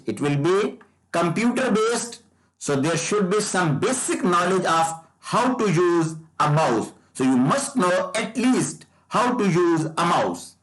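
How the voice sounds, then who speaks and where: A man teaching as a licensing trainer, explaining rules slowly and repeating key points. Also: high voice, poor audio. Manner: slow, repetitive, deliberate explaining. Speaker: driver licensing trainer and tutor. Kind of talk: explanatory lesson presentation.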